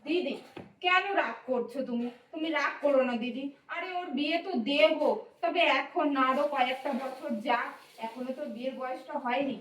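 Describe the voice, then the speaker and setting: A woman's voice: high voice, normal speed, fairly bright tone, recorded from a distance, slight background noise. An actress playing a protective mother in a family drama, soothing and defensive in turn. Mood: pleading. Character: protective mother of grown son.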